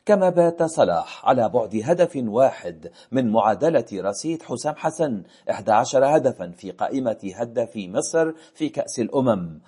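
Dark, husky male radio news presenter. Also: mid-range voice. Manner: measured, formal delivery. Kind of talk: scripted news reading.

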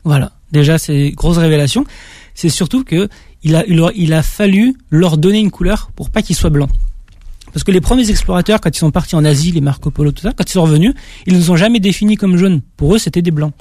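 In an interview conversation, a young French author with a slight Auvergne accent answers questions in a hesitant way, often restarting. His voice is a little high, mellow, and fairly quick. No room sound is heard.

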